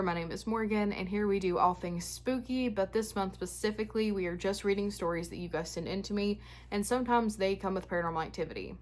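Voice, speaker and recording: With a mid-range voice that's starting to go hoarse, the young host of a scary story channel chats candidly and somewhat frazzled. When she reads a listener's story aloud, her delivery becomes steady.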